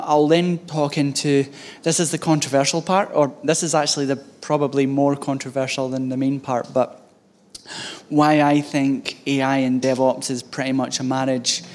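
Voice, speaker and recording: A man's voice: medium pitch, flat delivery, moderate pace, a little mellow. A man with a thick, broad Scottish accent gives an informal tech talk to an audience, in a loose, hesitant, conversational way. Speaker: conference speaker, head of DevOps at a bank.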